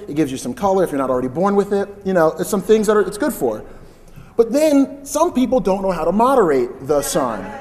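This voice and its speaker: Loud chatty man speaking in a hall. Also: sits high. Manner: loud, chatty, invites interruptions. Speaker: conference speaker. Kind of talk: live conference presentation. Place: large conference hall. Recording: long hall reverb.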